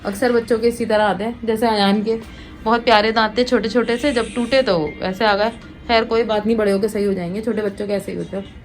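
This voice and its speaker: A woman's voice: a little high, steady tone, fast, faint music behind, low-quality recording. A woman in her thirties, a mother, chatting casually to the camera about her day. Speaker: vlogger, mother. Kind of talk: casual home vlog chat.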